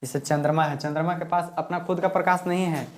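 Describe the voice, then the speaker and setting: A man's voice: a little high, steady tone, quick pace. A man teaching a physics class at a board, explaining step by step and repeating key words, his voice drifting off-mic while he writes.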